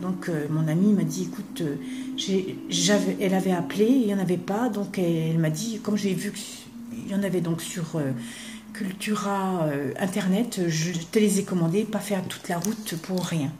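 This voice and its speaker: A woman's voice: fairly low pitch, moderate pace, noisy background. An older woman chatting casually to the camera as she shows her craft gifts, now and then dropping to a whisper as she admires them. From eastern France. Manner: chatty, warm, drops to a whisper when admiring things. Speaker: craft vlogger.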